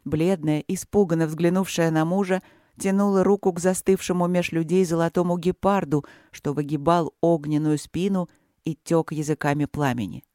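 Mellow narrator reading a fantasy book, dry close mic. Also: medium pitch, dry recording. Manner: measured storytelling reading. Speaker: audiobook narrator. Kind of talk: scripted narration.

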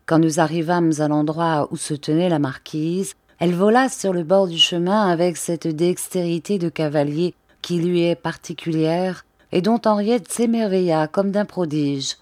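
A woman reads a classic novel aloud in a measured, expressive way. Her voice is low and mellow, and the close recording sounds dry with no room around it. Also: no room sound. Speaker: audiobook reader. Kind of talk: literary audiobook narration.

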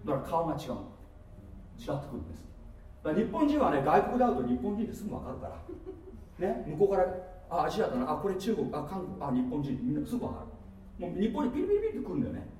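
Man, pastor, playful sermon, slightly high voice, distant mic, faint background noise. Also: rapid-fire. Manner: playful, animated preaching with asides and laughter. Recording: echoey hall from far off with faint noise.

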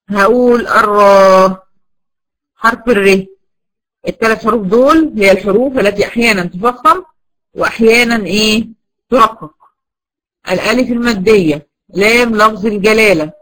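A woman with an Egyptian accent leads a class of girls in recitation rules, talking at a brisk, rapid clip. She throws a question to the room and answers it herself before moving on. She circles back over every point several times. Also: fairly high pitch, pushed and bright, poor audio. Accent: Egyptian Arabic. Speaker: Quran recitation teacher.

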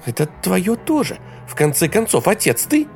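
Male narrator doing a tearful young woman in an audiobook, pitched up high, breaking into shrill, gravelly shouts. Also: huge pitch swings, normal speed, heavily acted. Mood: defiant. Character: young woman, hurt, pleading, then furious.

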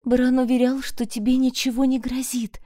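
A woman voicing a gentle, conciliatory noblewoman healer in an audiobook, with a soft manner. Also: high-pitched, level tone, moderate pace, no echo, clean studio sound, voice pushed up, lightly acted. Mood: apologetic.

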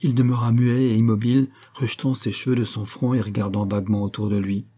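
A man reading a classic novel aloud in a steady, measured narration. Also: lowish voice. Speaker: audiobook reader.

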